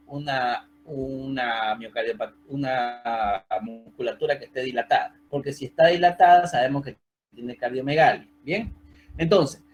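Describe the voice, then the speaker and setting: Over a video call picked up by a computer mic, a man gives an online medical lecture, explaining things step by step and frequently checking in with his students. His voice is a little high, and the recording is rough.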